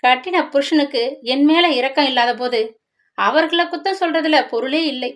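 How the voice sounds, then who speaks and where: A woman voicing a heartbroken young married woman who speaks with quiet, sorrowful firmness. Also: high voice, normal speed, lightly acted.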